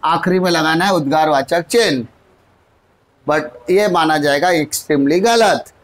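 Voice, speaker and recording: A male grammar teacher with an Indian accent, explaining English in a mix of Hindi and English. He is chatty and playful, calls students "my dear," and asks his own questions before he answers them. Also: a little high. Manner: spells out letters and words slowly, one at a time.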